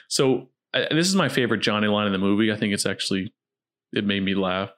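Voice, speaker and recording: A man's voice: fairly low pitch, lively intonation, brisk, fairly bright tone. A man hosting a casual film commentary, talking in a jokey, conversational way. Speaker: podcast host.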